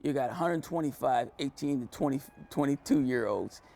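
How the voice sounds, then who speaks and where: A man's voice: mid-range voice, normal speed, vocal fry, warm tone, slight background noise. A man who once played for the coach, talking earnestly in a sit-down interview and leaning on "you know" as he reflects. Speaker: former player, interview guest.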